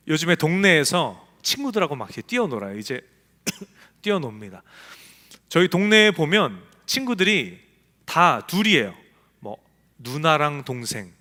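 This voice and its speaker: Pastor, male, bright forceful tone, echoey sanctuary; emphatic preacher who acts out quotes. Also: fairly high pitch. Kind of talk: sermon. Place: church sanctuary. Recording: echoey church hall.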